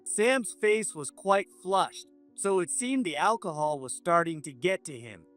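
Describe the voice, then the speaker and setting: Man, story narrator, slightly high-pitched, measured, scripted first-person. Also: expressive, fairly bright tone, faint music behind.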